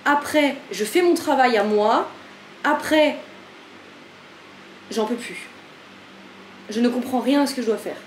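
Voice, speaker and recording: A woman's voice: fairly high pitch, unhurried, pauses often. A woman filming a casual daily vlog in her home kitchen. She chats in a frazzled, self-mocking way and keeps talking to her cat. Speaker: vlogger. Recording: echoey kitchen with faint room noise.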